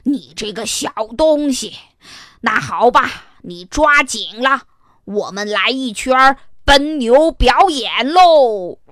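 A huge boastful buffalo who booms his taunts, as a woman storyteller puts him on. Loud, bossy, and slow, he stays in the narrator's bright range, just pushed harder. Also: expressive, no room sound, clean studio sound, exaggerated voice. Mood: taunting. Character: big boastful mocking male buffalo.

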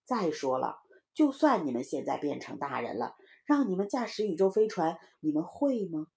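A woman voicing a patient mother in a storybook who scolds her child gently and calmly. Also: on the low side, moderate pace, vocal fry. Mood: scolding.

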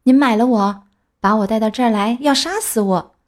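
Storybook role: woman voicing a high, chatty, cheeky wooden puppet boy. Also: moderate pace, lightly acted.

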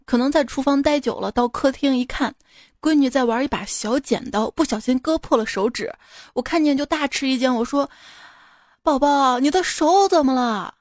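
A woman's voice: sits high, brisk, a little mellow, no echo, studio quality. A woman radio host telling funny family anecdotes in a chatty, amused manner. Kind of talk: comic storytelling. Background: faint music.

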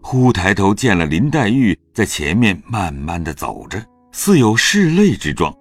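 A man narrating a classic novel as an audio drama, in a slow, expressive, dramatic reading. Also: on the low side, dry recording, faint music behind.

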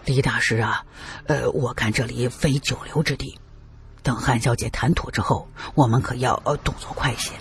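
A man's voice: medium pitch, fairly even intonation, normal speed, a little hiss or hum, pitched below the performer's own voice, natural voice. A male storyteller voicing a cautious middle-aged lawyer who talks carefully and hesitates with fillers.

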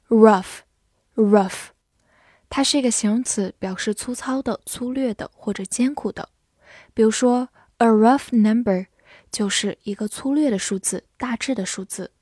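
A woman giving a scripted vocabulary lesson, spelling words out letter by letter and repeating them slowly. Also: on the high side, darkish tone, no room sound, clean studio sound. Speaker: English vocabulary teacher.

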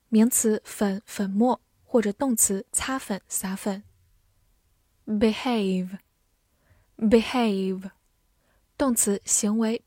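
Woman teacher, very slow, mellow tone, dry close recording, careful word drill. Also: medium pitch, dry recording. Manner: says each word twice, slow and clear. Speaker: English vocabulary teacher. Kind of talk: vocabulary review lesson.

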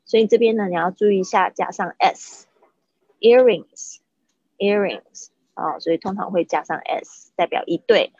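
A woman teaching English vocabulary to Chinese speakers in a chatty livestream, repeating words slowly to model how they sound. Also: mid-range voice, a little mellow, slightly rough, dry recording, dull audio.

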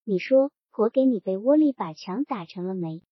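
Woman reader doing a stern old grandmother, toothless, blunt and scolding, husky, dull lo-fi recording. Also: medium pitch, animated, normal speed, dry recording, pitched below the performer's own voice, lightly acted.

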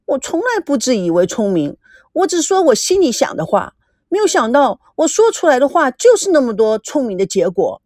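A woman's voice: high voice, sing-song, moderate pace, darkish tone, no echo, studio quality, voice pushed up. A woman voicing a naive young woman in an audiobook, speaking in a whiny, tearful, pouting way.

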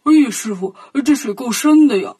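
A woman's voice: mid-range voice, normal speed, husky, pitched below the performer's own voice. A woman voicing a greedy, boastful male pig-monk disciple in a children's story, with a folksy drawl.

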